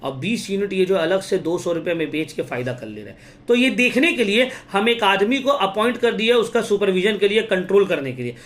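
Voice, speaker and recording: A man's voice: high-pitched, fairly quick. A young man from India, lecturing students on business studies and using English terms and small acted examples. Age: young adult. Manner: lively, talks straight to students with Hinglish terms and acted examples. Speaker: teacher. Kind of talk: exam-prep lecture.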